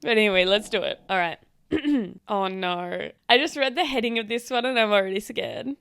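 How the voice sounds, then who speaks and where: An outspoken woman hosts a casual reaction chat and talks straight to her viewers. She sounds animated and swears freely. Her voice sits in the middle of a woman's range, and the recording is dry and close with no room echo. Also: mid-range voice, moderate pace, vocal fry, smooth. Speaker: host reacting to online stories.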